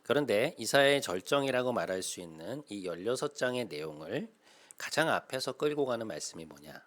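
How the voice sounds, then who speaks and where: A male pastor in his thirties preaching a sermon, explaining patiently with frequent "uh" fillers and swelling to loud, emphatic calls. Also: lowish voice, lively intonation, a little fast.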